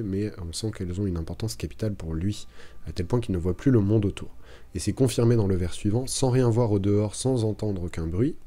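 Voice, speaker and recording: Male teacher, low voice, very dark tone; casual streamed lesson with fillers and self-corrections. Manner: thinks aloud with many fillers and restarts. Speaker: French literature teacher streaming revision. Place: home streaming setup. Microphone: streaming microphone.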